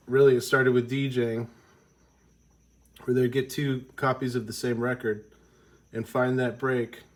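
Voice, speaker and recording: Congested male music teacher, mid-pitched, loose and rambling delivery. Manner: rambling, self-correcting, with frequent ums. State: congested from a cold. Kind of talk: casual explanatory lesson.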